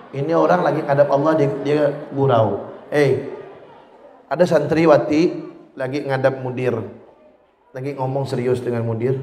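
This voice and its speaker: A man's voice: medium pitch, darkish tone. A man giving a humorous religious lesson, who acts out little scenes in quoted voices, recorded in a lecture hall. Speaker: religious teacher. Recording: echoey hall with faint noise.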